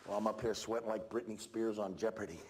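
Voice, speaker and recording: A man giving a motivational talk at a school assembly, emphatic, swinging from shouts to soft urging. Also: fairly low pitch, steady tone, quick pace. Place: large school hall with student audience. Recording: echoey hall, crowd noise.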